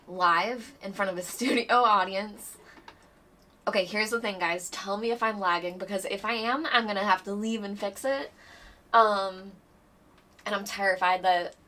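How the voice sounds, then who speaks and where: A woman chatting excitedly on a board game live stream, bubbly and rambling, a little out of breath. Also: medium pitch, recorded from a distance. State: a bit out of breath. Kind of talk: casual live-stream chat.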